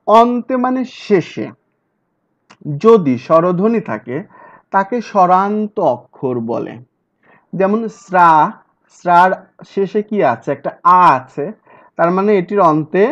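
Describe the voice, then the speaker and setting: Man teaching, animated pitch, repeats key words, dull lo-fi sound. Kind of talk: exam-prep lecture. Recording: dull lo-fi recording.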